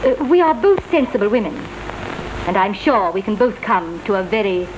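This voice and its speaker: A woman's voice: mid-range voice, big pitch swings, moderate pace, natural voice. A woman playing a condescending middle-aged aristocratic English aunt, formal and clipped, in witty period banter from a 1930s drawing-room comedy. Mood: imperious, formal. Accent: upper-class English. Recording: noisy, hissing 1930s film soundtrack.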